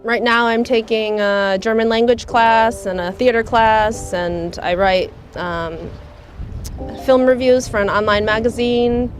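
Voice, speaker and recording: A young American woman, speaking thoughtfully in a documentary interview, often pausing with "um" as she searches for words. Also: fairly high pitch, fairly even intonation, faint music behind. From United States. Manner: thoughtful, soft-spoken, many hesitations with um. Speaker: volunteer.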